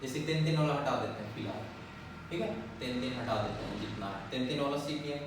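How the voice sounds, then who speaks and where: A man's voice: medium pitch, fast talker. A man teaching a step-by-step lesson at a board, repeating syllables and often checking that students follow. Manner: repetitive, drilling syllables, checking with listeners. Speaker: Japanese teacher. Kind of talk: whiteboard lesson explaining step by step. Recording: echoey room, far from mic, faint noise.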